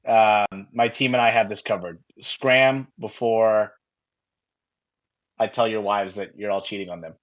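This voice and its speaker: A man voicing a gruff, bossy male watch captain with a New York accent. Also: fairly low pitch, steady tone, a little slow, a bit bright, muffled recording. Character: brash male watch captain, tough-talking.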